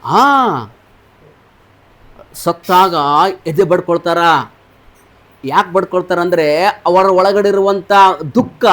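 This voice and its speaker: ಎತ್ತರದ ಧ್ವನಿಯ ಉತ್ತರ ಕರ್ನಾಟಕದ ಪಾದ್ರಿ. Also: male voice, sits high. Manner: questions the congregation, repeats their answers. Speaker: pastor. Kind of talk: sermon with call-and-response.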